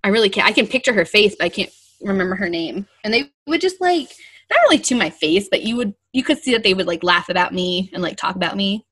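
A young woman chatting on a podcast, with a medium-pitched voice and a dry, close sound. She rambles through stories with plenty of fillers and laughs often. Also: expressive, fast, fairly bright tone, breathy edge, dry recording. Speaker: podcast co-host. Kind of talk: casual chat.

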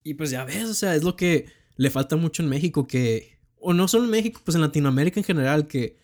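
A man's voice: fairly high pitch, animated, quick pace, a little mellow. A young man with a Mexican accent, chatting casually about films with plenty of slang and swearing. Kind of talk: casual film chat.

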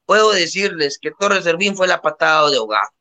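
A man's voice: on the high side, expressive, brisk, pushed and bright. A young Guatemalan man with a Guatemalan Spanish accent, giving firm opinions in a casual sports chat. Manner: opinionated, emphatic, uses "vos". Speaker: podcast co-host.

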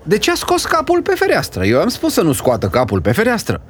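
A man's voice: sits high, wildly swooping pitch, darkish tone, a little hiss or hum, pitched above the performer's own voice. Man doing a reproachful young passenger. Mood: spiteful. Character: polite young man turned spiteful.

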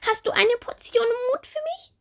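A woman's voice: sing-song, normal speed, exaggerated voice. A woman voicing a little bumblebee girl who is timid and full of wondering questions, in a storybook. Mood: wondering eager. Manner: high, eager, questioning.

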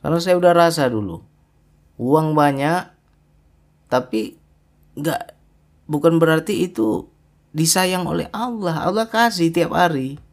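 A man preaching a religious sermon, emphatic and full of rhetorical tag questions, his pitch swinging widely. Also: measured pace, long pauses.

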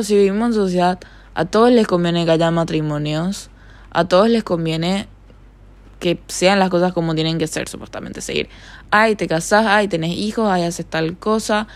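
Recording alone in her bedroom, this young adult podcast host from Paraguay chats loosely and rambles, leaning heavily on fillers. Her lowish voice comes through with no echo, and her Paraguayan Spanish carries some Argentine coloring.

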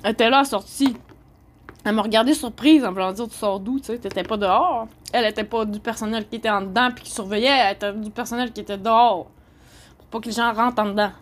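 A woman's voice: fairly high pitch, steady tone, fast talker, slight background noise. A woman with a Québécois French accent, a journalist speaking in an indignant, rambling monologue full of "là" and "tu sais". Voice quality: heated, indignant rambling with frequent "là". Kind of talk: casual monologue. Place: homeless shelter.

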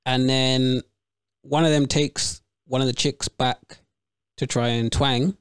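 A man's voice: mid-range voice, fairly even intonation, slow, smooth, dry recording, clean studio sound. Slangy man telling a story. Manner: slangy storytelling, puts on voices for quotes. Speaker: podcast host. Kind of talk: casual chat.

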